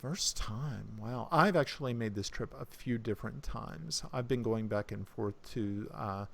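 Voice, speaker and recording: Sly half-elf scholar woman, played by a man, low-key delivery. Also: measured pace, gravelly, fairly bright tone. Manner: sly, understated. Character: sly half-elven woman necromancy researcher.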